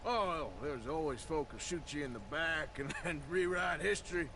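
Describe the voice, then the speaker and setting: An actor playing a laconic outlaw with dry humor. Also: male voice, fairly high pitch, moderate pace, background noise, lightly acted. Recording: game audio over clear music.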